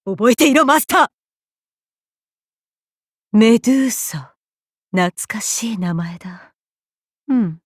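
Anime game gorgon, female: vengeful, haughty, cold, mid-pitched, unhurried delivery. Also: lively intonation, dark tone, slightly rough, no room sound, clean studio sound. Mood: musing. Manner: imperious, cold, contemptuous, deliberate archaic phrasing. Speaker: voice actor. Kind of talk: scripted anime game character lines.

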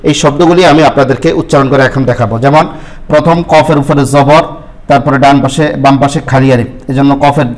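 A man teaching Quran reading, explaining step by step and repeating syllables slowly for the listener. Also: mid-range voice, steady tone, poor audio. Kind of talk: step-by-step lesson with spoken examples.

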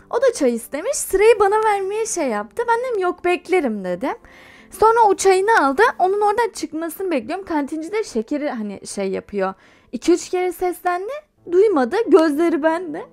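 Young woman, high-pitched, chatty storytelling vlog, laughs often, light music underneath. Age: young adult. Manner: chatty, animated, laughs while telling. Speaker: YouTuber.

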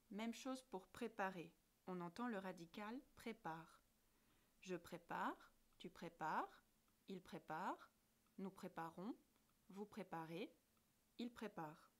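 Slow, carefully spoken woman teacher. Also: mid-range voice. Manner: slow, careful articulation, spelling out letters one by one. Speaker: French language teacher. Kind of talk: scripted grammar lesson narration.

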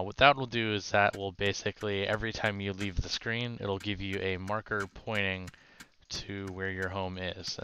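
A man casually narrating a game tutorial, explaining step by step with filler uhs and quick self-corrections. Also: low-pitched, pushed and bright, slight background noise.

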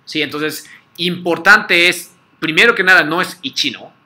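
A man teaches a class, pausing often to check that his students follow. His voice is fairly high for a man and sounds bright and sharp. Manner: patient, repeats words for students to echo, frequent "¿sí?" checks. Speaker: Japanese language teacher. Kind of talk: online class drill, call and repeat.

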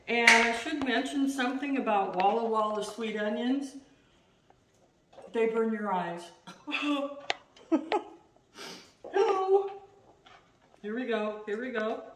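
A woman's voice: fairly high pitch, animated, slow pace, long pauses. Middle-aged woman, home cooking host, chatty and self-deprecating, recorded from across a roomy kitchen with noise. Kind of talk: casual cooking demo. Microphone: far camera. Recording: roomy, distant, noisy.

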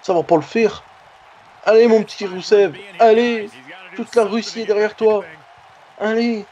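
An excitable man commentating a wrestling game over a dull lo-fi mic. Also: high voice, measured pace, some chatter behind. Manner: excitable, cheering, repeats exclamations.

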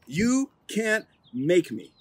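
A young police officer reads a children's picture book at storytime on an open outdoor terrace. His voice sits high and sing-song, stretching out words as he plays it up theatrically with emphatic build-ups.

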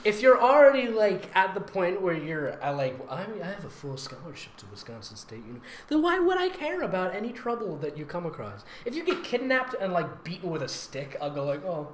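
A crowd can be heard behind this very animated host, a fanfic reader and voice actor who reads fan fiction aloud while tossing in mocking, sarcastic, giggly commentary. The mid-range voice moves briskly with few pauses and a theatrical flair. The audio carries a roomy echo and faint background noise.

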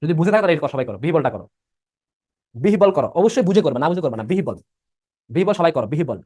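A man's voice: a little high, very animated, very fast, warm tone, dry recording, clean studio sound. A young man teaching a live online class. He repeats each rule and keeps quizzing his students with questions. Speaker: admission-prep teacher.

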